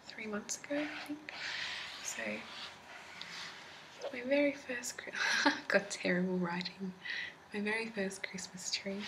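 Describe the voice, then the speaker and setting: This ASMR creator, a woman in her twenties, rambles and chats in a slightly deep whisper that isn't soft-spoken, laughing frequently. She records on a laptop mic in a candlelit room at home, producing grainy, noisy audio.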